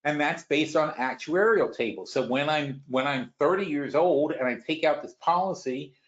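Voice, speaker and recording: A man talks through money examples for a webinar audience, restarting sentences and circling back as he explains. His voice sits a little high. The audio is dull and lo-fi, like a recorded online session. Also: fairly bright tone. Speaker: webinar host.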